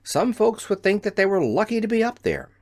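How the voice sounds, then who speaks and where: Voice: mid-range voice, sing-song, brisk, a little mellow, pitched above the performer's own voice. A reader voicing a friendly, easygoing straw scarecrow with a cheerful, folksy way of talking, in an audiobook. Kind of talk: audiobook character voice.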